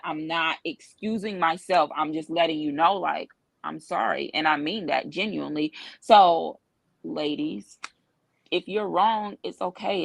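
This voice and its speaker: Creaky-voiced woman giving candid advice. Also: low-pitched, dry recording, poor audio. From Cincinnati area. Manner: candid, storytelling, earnest advice. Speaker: co-host. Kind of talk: relationship advice talk.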